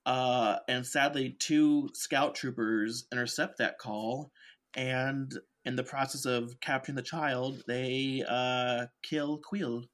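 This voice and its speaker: A man's voice: mid-range voice, steady tone, slow, a bit bright. A man co-hosting a podcast, casually recapping with wry asides and many fillers. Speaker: podcast co-host. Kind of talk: casual chat.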